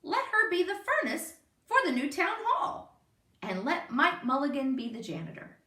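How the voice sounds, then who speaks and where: A woman voicing an eager little boy full of bright ideas in a picture-book reading. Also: sits high, big pitch swings, moderate pace, voice pushed up, heavily acted. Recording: roomy, distant microphone.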